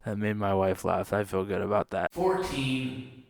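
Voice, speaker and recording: A man's voice: lowish voice, normal speed, vocal fry, no room sound. A man hosting a casual ranking commentary, sarcastic and joking, with playful jabs. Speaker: host.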